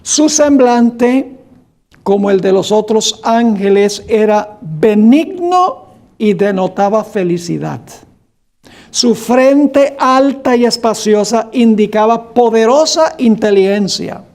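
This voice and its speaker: A man's voice: high-pitched, lively intonation, a little mellow. A man preaching a Bible study, reading scripture aloud with emphasis and quizzing his congregation with questions. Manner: slow and deliberate, quizzing the congregation. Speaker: pastor.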